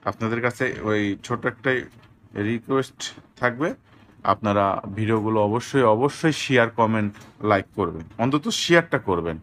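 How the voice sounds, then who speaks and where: A man from Bangladesh selling drones, giving a slow, deliberate product demo with a lot of repetition. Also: on the low side, animated, a bit bright, a little hiss or hum. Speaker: drone seller.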